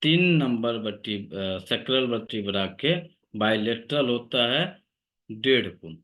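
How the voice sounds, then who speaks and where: A man teaching an acupressure class, listing points and symptoms in a slow, steady instructive tone. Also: mid-range voice. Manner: dictates point names slowly, steady instructive tone. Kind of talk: online class lecture.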